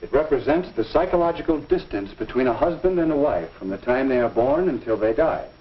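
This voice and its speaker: In a 1950s instructional film, an actor plays a genial, earnest minister counseling a young couple, explaining things in an avuncular, measured, folksy lecturing style. His male voice is medium-pitched and slightly rough, with very lively intonation. The film soundtrack sounds dull.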